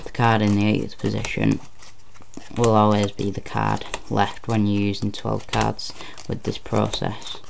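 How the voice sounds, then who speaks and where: Creaky, even-toned man, card magician patter. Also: fairly low pitch, measured pace, background noise. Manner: step-by-step explaining, repeats phrases. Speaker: card trick presenter.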